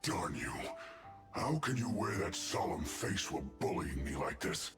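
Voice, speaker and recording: A man's voice: low voice, sing-song, unhurried. An actor playing a defensive, grumbling male agent in a video game, speaking over game music. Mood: sulky. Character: sulky male agent caught picking berries. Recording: roomy echo.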